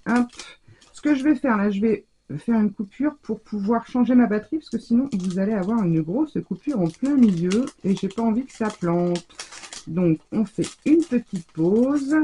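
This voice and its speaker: A woman's voice: mid-range voice, animated, normal speed, mellow, slight background noise, poor audio. A woman hosting a casual scrapbooking vlog, effusively gushing over the handmade gifts she unwraps. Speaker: scrapbooking channel host. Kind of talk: casual mail-opening vlog.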